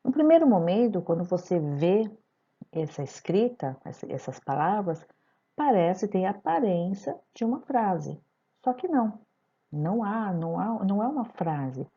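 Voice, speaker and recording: In a recorded grammar lesson, a female teacher breaks down terms step by step and puts rhetorical questions directly to her students. Her medium-pitched voice is very animated, mellow and husky at a moderate pace, with a lo-fi sound.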